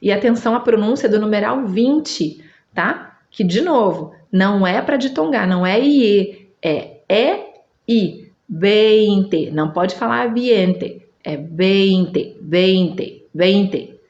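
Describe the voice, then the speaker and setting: A Brazilian woman whose first language is Portuguese, teaching Spanish in an online lesson, drawing out each word slowly and checking in with her listener. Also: medium pitch, expressive, a little mellow, echoey room, highs cut off. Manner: slow, drawn-out drilling of words, checks in with the listener.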